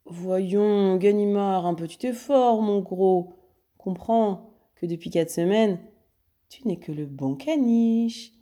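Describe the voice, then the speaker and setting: Woman doing Arsène Lupin, mocking gentleman thief. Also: medium pitch, moderate pace, natural voice. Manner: taunting, teasing, condescending. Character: sly mocking gentleman thief, adult man.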